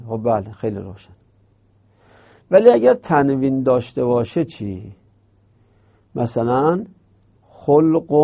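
On a dull lo-fi recording, a man whose first language is Persian explains Arabic grammar one step at a time, repeating terms and stretching them out. He speaks a little high, with vocal fry.

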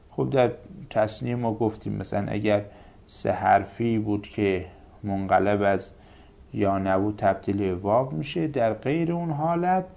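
A man's voice: lowish voice, creaky, a little mellow. A man teaching a grammar lesson, listing example words in careful paired recitation. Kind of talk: Arabic grammar lecture.

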